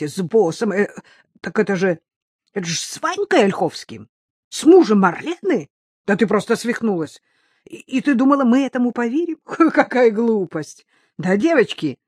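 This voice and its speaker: A woman's voice: mid-range voice, big pitch swings, moderate pace, pauses often, breathy edge, no room sound, studio quality. A woman reading aloud, voicing a rude young woman who accuses others harshly and scornfully. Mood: indignant.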